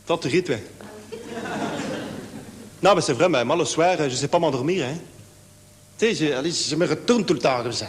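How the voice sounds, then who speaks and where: A man's voice: a little high, expressive, moderate pace, long pauses, in a large hall, close to an everyday voice. An actor playing a nervous, naive, lonely insomniac man on stage, rambling with a Belgian French accent and constant verbal tics. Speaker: stage comedian. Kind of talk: one-man stage show. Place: theatre stage with live audience.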